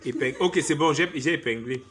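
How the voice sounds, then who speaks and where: A man's voice: on the high side, brisk, fairly bright tone, soft background music. Joking Cameroonian man live-streaming. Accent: Cameroonian French. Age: young adult. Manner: playful, joking, reads viewer comments aloud. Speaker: comedian doing a live stream. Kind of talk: casual live-stream chat.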